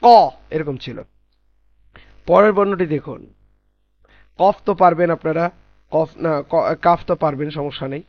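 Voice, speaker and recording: A man teaching Quran letter pronunciation in a class, patiently spelling out sounds slowly and repeating them. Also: fairly high pitch, no echo, highs cut off.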